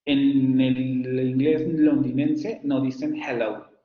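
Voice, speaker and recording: A man lectures on phonetics, pausing with filler sounds and repeating sample words to demonstrate them. His mid-range voice comes through a roomy space. The recording is muffled and lo-fi. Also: mid-range voice. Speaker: university phonetics professor.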